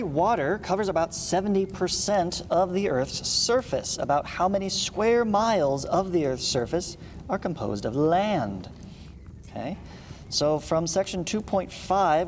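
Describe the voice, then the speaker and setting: His voice is on the high side and a little mellow. He's a math teacher reading a lesson aloud and breaking off for casual, folksy explanations, recorded in an echoey room where background noise comes through clearly.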